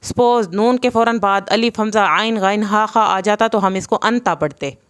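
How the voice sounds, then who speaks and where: A woman's voice: mid-range voice, smooth. Patient woman teaching Quran recitation. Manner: slow, patient spelling out of letter sounds. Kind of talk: online tajweed lesson.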